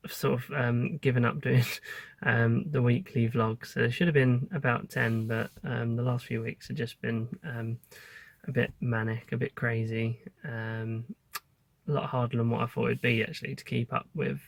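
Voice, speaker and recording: A man speaks in a gravelly, creaky voice at a middling pitch, recorded dry and close. He sounds like an informal vlogger giving a casual update, hesitating as he thinks aloud. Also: no room sound.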